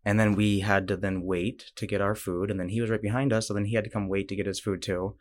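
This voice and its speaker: A man's voice: on the low side, fast talker. A man hosting a casual chat, telling stories animatedly and acting out the quotes, with lots of "like". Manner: animated storyteller who acts out quotes, many fillers like "like".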